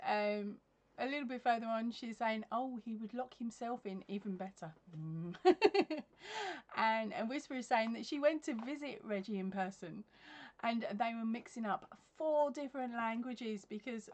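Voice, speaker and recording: In a measured, slightly high voice, a woman from England reads comments and chats informally on her crochet livestream. Frequent laughter and ums fill her talk. She's at home in a craft room with yarn shelves, captured by the webcam on her desk.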